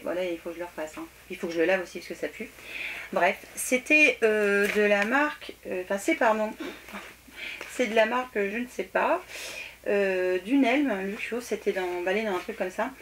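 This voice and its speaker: A woman's voice: medium pitch, normal speed, slight background noise. A woman chatting casually to camera about her decor haul, full of hesitations and self-corrections. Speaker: home decor haul vlogger.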